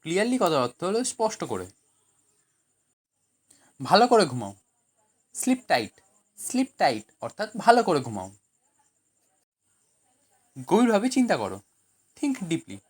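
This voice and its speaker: Woman teaching translation with lively pitch. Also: slow pace, long pauses. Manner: reads each sentence in Bengali, then English, then explains. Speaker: language teacher. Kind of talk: scripted translation lesson.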